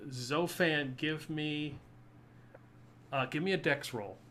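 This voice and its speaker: A man's voice: fairly high pitch, takes it slowly, sharp tone, slight background noise. A man narrating as game master of a tabletop game, rambling with many fillers. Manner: rambling, full of fillers and little laughs.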